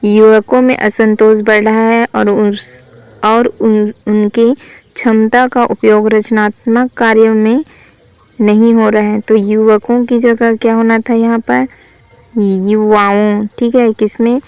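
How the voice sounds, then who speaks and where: Hindi woman teacher with a flat, clear voice. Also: on the high side, no room sound, low-quality recording. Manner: asks questions then answers them herself; reads sentences slowly and corrects them. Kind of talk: exam-prep grammar lesson.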